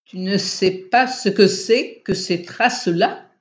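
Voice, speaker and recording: A tense young husband frets over his frightened cat, his words coming out sharp and insistent, as a reader puts him on. He speaks slowly and pushes his voice up, louder than the narration around him. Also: on the high side, lively intonation. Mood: harsh.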